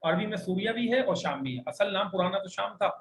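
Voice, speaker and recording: A man with a Pakistani Urdu accent teaching an Arabic class, spelling words out slowly and having students repeat and correcting them. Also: high voice, animated. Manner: drills pronunciation slowly word by word, corrects students. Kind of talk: classroom language lesson, streamed online. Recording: echoey classroom with faint background noise.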